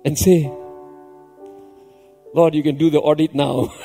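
A pastor giving an animated sermon, repeating key phrases with emphatic rises and chuckling between points. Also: male voice, on the high side, creaky, husky. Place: church hall. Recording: long reverb in a large hall.

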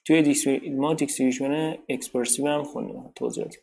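A man's voice: medium pitch, steady tone, gravelly, dark tone. Casual male tutor, talks through lessons with restarts and repeats, plain mid voice, light noise behind. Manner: rambling, restarts and repeats while explaining. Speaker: programming teacher. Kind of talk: informal spoken tutorial.

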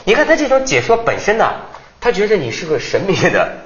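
A man hosting a studio talk show, his voice a touch higher than usual and swinging widely in pitch as he chats. He keeps chiming in to agree with his guests. The sound is roomy and slightly dull. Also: fast talker. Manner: lively, chatty, frequent agreeing interjections.

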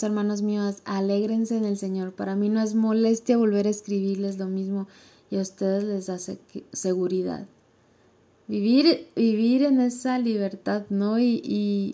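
A woman's voice: medium pitch, warm tone. A young woman and church leader giving an informal devotional talk, conversational and repeating phrases for emphasis.

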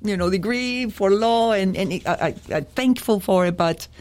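A middle-aged woman from Venezuela, a chef, telling her story in a casual interview over a video call, animated and often repeating words. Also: medium pitch, moderate pace. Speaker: chef and food brand founder.

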